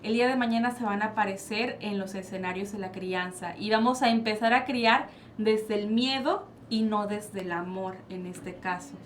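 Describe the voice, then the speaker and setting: A woman's voice: medium pitch, moderate pace. A woman psychologist with a Mexican Spanish accent, explaining parenting styles in a panel discussion and posing rhetorical questions she answers herself. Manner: explanatory, asks and answers her own questions. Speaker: child psychologist guest. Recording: faint background noise.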